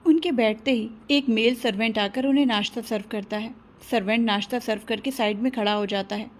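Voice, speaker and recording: A woman narrating a romance audio serial in a steady storytelling manner, voicing every character herself. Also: fairly high pitch, slight background noise.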